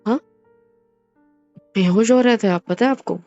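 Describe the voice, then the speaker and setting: A man playing a gentle apologetic young husband. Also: sits high, measured pace, no echo, lo-fi sound, faint music behind. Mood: tender. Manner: soothing, coaxing, repetitive reassurance. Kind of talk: romantic couple audio drama.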